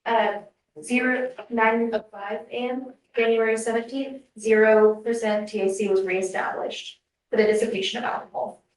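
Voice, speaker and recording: A courtroom recording of a woman giving formal testimony from the witness stand. Her voice sits a little high with very little melody, and it reaches the microphone from some distance in an echoing room. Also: steady tone, normal speed. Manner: formal, procedural wording.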